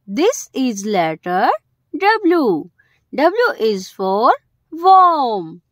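A woman hosts a children's alphabet video, her fairly high voice swinging widely in pitch as she speaks very slowly. She uses simple short phrases and leans on the key words. The recording is studio quality with no echo.

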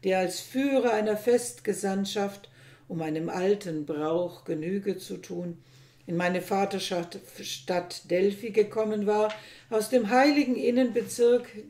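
A woman reading the part of a grieving old father who loudly accuses a young man, in impassioned outbursts. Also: medium pitch, close to an everyday voice. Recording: echoey room.

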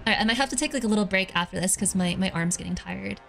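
A woman streamer chatting casually while she plays a game, playful, cutesy and quick to apologize. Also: mid-range voice, gravelly, soft background music. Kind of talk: casual gaming livestream chat.

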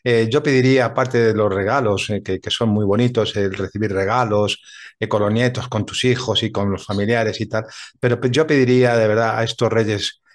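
A man hosting a radio interview, talking in an earnest, halting way with repeated words. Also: fairly low pitch, steady tone. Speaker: radio host. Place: radio studio.

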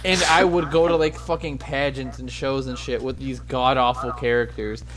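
Against steady background noise, a man streams a game and chats casually, rambling, swearing a lot, and poking fun at himself. He talks at a medium pitch and normal speed.

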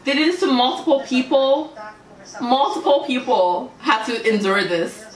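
A woman's voice: high-pitched, lively intonation, measured pace. A Canadian woman hosting a reaction video, chatting casually to viewers while exclaiming and laughing, easily startled. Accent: Canadian English. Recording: roomy echo from a distance.

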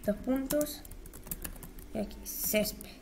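A young woman talks her way through an editing session in a slightly high voice. She speaks slowly and breaks into flustered exclamations as things go wrong. A faint hiss sits under the recording. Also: creaky, darkish tone. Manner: chatty, talks herself through each step, flustered exclamations. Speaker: YouTuber. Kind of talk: casual commentary while editing textures.

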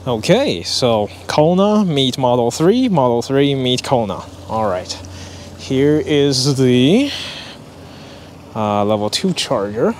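Very animated yet slow, this man's mid-range voice carries a casual electric car road trip vlog. His explanations are peppered with ums and uhs, and the recording, made inside a car and in an outdoor parking lot, is full of noisy vehicle sounds.

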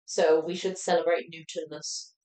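A woman's voice: low voice, little pitch movement, normal speed, warm tone. Giggly woman running a quiz, roomy sound. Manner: giggly, chatty, explains at length. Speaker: quizmaster on a livestream. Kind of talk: casual quiz chat. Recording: roomy echo.

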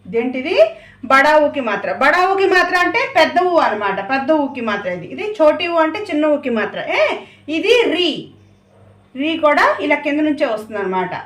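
A woman's voice: sits high, big pitch swings, brisk, a bit bright, echoey room. A woman teaching a language lesson, explaining patiently and repeating herself as she writes. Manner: patient, repetitive explaining while writing. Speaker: Hindi teacher.

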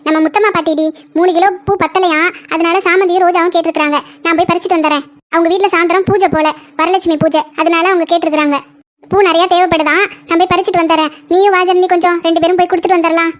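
A woman voicing a fierce, protective village mother-in-law who scolds fast in a cartoon. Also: very high-pitched, steady tone. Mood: scolding. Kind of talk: cartoon voice acting.

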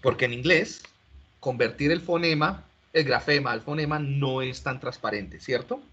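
A male lecturer teaching an online class explains step by step and quizzes his students, restarting himself often. His mid-range voice is pushed, bright and husky, moving at a moderate pace, and the recording is dull and lo-fi.

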